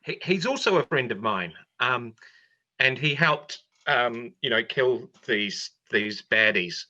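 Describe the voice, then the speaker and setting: A man playing a tabletop game, speaking in a halting way with many fillers. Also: mid-range voice, lively intonation, bright, forceful tone, rough recording. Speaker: player.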